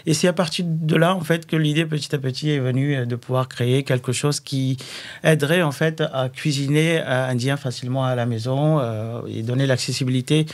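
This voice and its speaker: A man, a food entrepreneur, tells his story in an interview. His pitch sits in the middle range, and he pauses often, filling the gaps with small connecting words. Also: steady tone. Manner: halting, fillers like "en fait". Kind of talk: interview answer.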